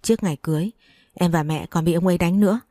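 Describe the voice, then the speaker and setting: A woman's voice: on the low side, fast talker, warm tone, no echo, clean studio sound, natural voice. A woman voicing a young wife hurt by her cruel father, speaking plaintively in an audiobook story. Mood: confiding. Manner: plaintive, confiding.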